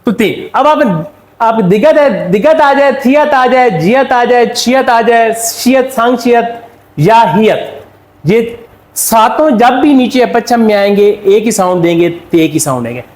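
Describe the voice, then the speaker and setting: A man's voice: very high voice, lively intonation, unhurried, a little mellow, roomy sound. A man with a Pakistani Urdu accent, giving a step-by-step classroom lesson and answering his own questions. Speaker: Korean language teacher.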